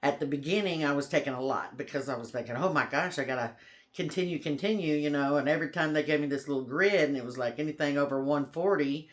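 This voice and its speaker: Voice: mid-range voice, fast talker. A homestead vlogger in casual, rambling chat to camera, folksy and friendly in phrasing and often saying y'all.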